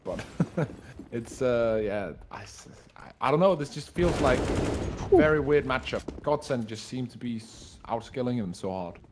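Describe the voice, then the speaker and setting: Husky male esports co-commentator over noisy voice chat. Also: expressive, unhurried, darkish tone. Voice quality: husky, deep. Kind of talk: live esports commentary and banter. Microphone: online voice call. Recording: noisy voice chat with clicks, gunfire.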